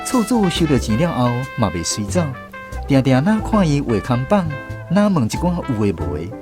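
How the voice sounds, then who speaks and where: A man with a Taiwanese accent plays a storyteller in a radio drama, reflectively recalling his apprentice days against guitar music. His mid-range voice swings hugely in pitch at a moderate pace.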